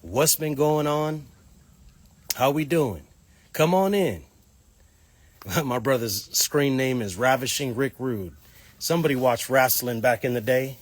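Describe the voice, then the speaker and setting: A man talks loosely into his phone outdoors on a livestream, greeting viewers as they arrive. He sounds stuffed-up and nasal from a cold. His voice sits at an ordinary middle pitch, and the sound is dry and close. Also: a little slow, pauses often, no room sound. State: nasal congestion. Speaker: livestream host. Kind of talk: casual livestream talk. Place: outdoors near homes.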